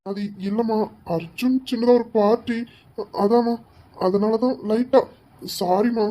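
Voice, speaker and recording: A woman playing a mellow-voiced pleading young husband. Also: a little high, steady tone, measured pace, lightly acted. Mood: apologetic. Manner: coaxing apologies, turning irritated. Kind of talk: comic couple skit acting.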